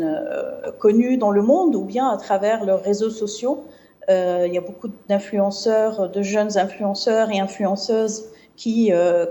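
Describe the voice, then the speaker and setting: A woman's voice: mid-range voice, warm tone. A woman born in exile to refugee parents, a guest in a TV interview, speaking with many hesitations and restarts. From born in exile to Palestinian refugees.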